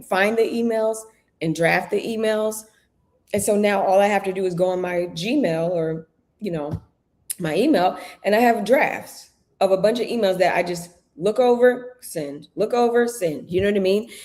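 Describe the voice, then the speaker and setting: A woman's voice: medium pitch, a little mellow. A woman guest in a casual live chat, chatty, often restarting her sentences. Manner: chatty, trailing restarts, exclaims oh my God.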